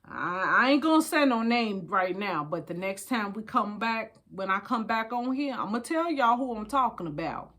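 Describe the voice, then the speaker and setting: A little high in pitch, her voice has lively intonation, a fairly bright tone and a moderate pace with hardly any pauses. The older American storytime host chats and reads from a book, folksy and emphatic, calling listeners babies and repeating phrases.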